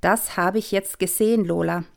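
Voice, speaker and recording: A woman's voice: fairly low pitch, fairly even intonation, moderate pace, gravelly, darkish tone. A woman voicing a strict mother in a children's story, stern and reproachful, with an Austrian accent. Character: strict, scolding mother at breakfast.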